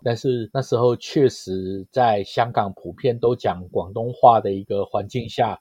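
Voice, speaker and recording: A man's voice: lowish voice, darkish tone, no room sound. A middle-aged man from Taiwan with a Taiwanese Mandarin accent, telling stories conversationally in an explanatory way, peppered with interjections. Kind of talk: conversational storytelling.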